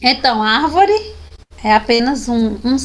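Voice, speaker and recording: A woman's voice: a little high, lively intonation, unhurried, slight background noise. A woman with a Brazilian Portuguese accent teaching a sign language class, explaining patiently and often checking in with her students; she is tired after a long day. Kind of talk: online class lecture.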